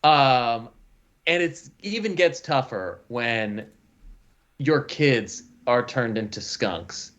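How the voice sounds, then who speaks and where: A man's voice: mid-range voice, lively intonation, slow, a bit bright. A man co-hosting a comedy call-in show, talking hesitantly with many stammered restarts. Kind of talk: improvised comedy talk.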